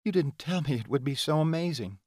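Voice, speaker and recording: Male narrator doing a gentle young woman in a romance audiobook, raised pitch, soft and breathy. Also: expressive, a little fast, dry recording, studio quality. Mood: tender. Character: young woman, tender and emotional.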